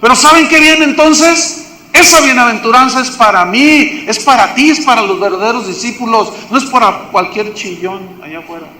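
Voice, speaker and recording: A man with a Mexican Spanish accent, preaching a sermon as pastor, firing rhetorical questions and swinging from loud to hushed. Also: very high-pitched, normal speed. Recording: echoey hall with long reverb.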